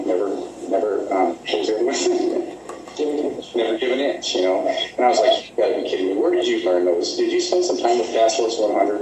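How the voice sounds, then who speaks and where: A man's voice: fairly low pitch, a little mellow, a little hiss or hum. A man giving a graduation speech, telling stories in a loose, conversational way with many fillers. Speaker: graduation speaker. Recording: echoey hall from far off.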